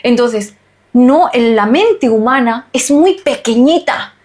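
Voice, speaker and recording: Woman, podcast host, earnest and emphatic, slightly high voice. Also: expressive, takes it slowly, a little mellow. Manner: earnest, emphatic, repetitive exhortations. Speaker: podcast host and holistic nutritionist. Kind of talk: spiritual podcast talk.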